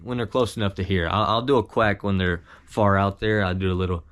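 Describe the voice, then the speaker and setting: Man, lowish voice, casual how-to teaching, modest, halting, informal phrasing. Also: steady tone, background noise. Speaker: amateur hunter giving a tutorial. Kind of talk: casual instructional talk with demonstrations.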